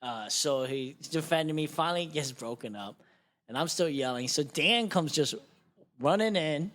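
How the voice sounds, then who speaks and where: A young man with a slightly high voice tells a story on a podcast, fast and loose. He swears freely and jumps to loud yelling whenever he acts out what people said. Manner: animated, swears freely, jumps to yelling when acting out quotes. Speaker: guest comedian. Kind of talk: casual storytelling. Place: podcast studio.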